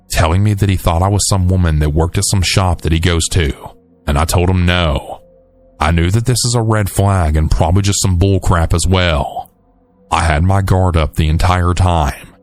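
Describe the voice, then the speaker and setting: A man with a very low, deep voice narrates a horror story in a calm and measured way. He reads a first-person account at a steady, even pace. Soft music plays faintly underneath.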